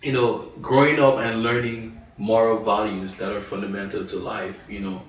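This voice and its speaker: This Cameroonian co-host, a French speaker, talks at normal speed in a fairly low, level voice. He stays earnest and thoughtful, often restarting and saying "you know." The echoey room and distant mic carry a little hiss or hum.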